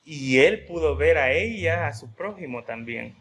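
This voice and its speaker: A man's voice: fairly high pitch, lively intonation, unhurried, a bit bright. Conversational preacher man. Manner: conversational, often adds a questioning tag. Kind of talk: sermon with personal story.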